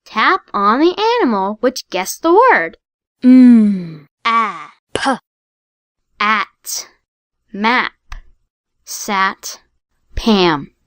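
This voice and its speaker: A woman's voice: mid-range voice, lively intonation, drawn-out words, long pauses, pushed and bright, clean tone, no echo, clean studio sound. A woman voicing the prompts of a children's phonics app, giving cheerful praise and sounding out letters and words with care. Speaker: app narrator.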